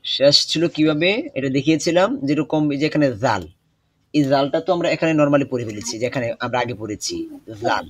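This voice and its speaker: A young man teaching an online Quran recitation class, patient and repetitive, often pausing with hesitations. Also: on the high side, dry recording. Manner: patient, repeats instructions, many hesitations.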